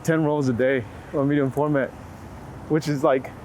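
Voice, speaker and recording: This man from Waco, Texas, has a slightly high, darkish voice, a steady tone, and normal speed. Talking as a photographer in an interview, he's casual and reflective, with a searching style and plenty of "like." He's out on a city street, where clear traffic and street noise, passing vehicles, and urban ambience can be heard.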